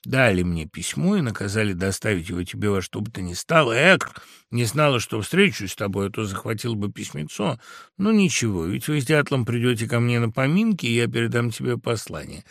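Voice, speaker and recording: A man voicing a crafty, flattering female fox in a storybook reading, sweet-talking and theatrical. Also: medium pitch, brisk, vocal fry, no room sound, studio quality. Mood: sly flattery. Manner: sweet, theatrical, falsely gushing.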